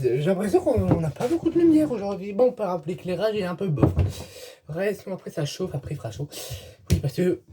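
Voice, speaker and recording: A man's voice: on the high side, noisy background. A man giving a casual, rambling video review to his viewers, chatty and hesitant, filmed indoors at home. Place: indoors at home, dim light.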